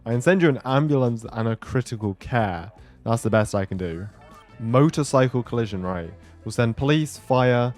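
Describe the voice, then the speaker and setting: A man hosts casual gameplay commentary in an animated, mid-range voice with a darkish tone, moving at a moderate pace. He thinks aloud as he plays, talking himself through choices, and music plays beneath his voice.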